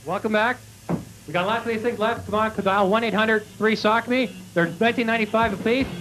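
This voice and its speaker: High-voiced young man pitching sales. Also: fairly even intonation, fairly quick. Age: young adult. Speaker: comic home shopping presenter. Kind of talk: tongue-in-cheek sales pitch. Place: TV studio. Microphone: handheld. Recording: noisy nineties VHS TV rip.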